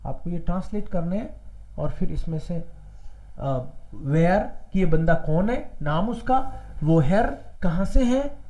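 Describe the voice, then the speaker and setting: Slow, deliberate male language teacher. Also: sits high, animated, dark tone, poor audio. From India. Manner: repeats each word slowly, mixing Hindi and English. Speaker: German teacher. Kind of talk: online language class.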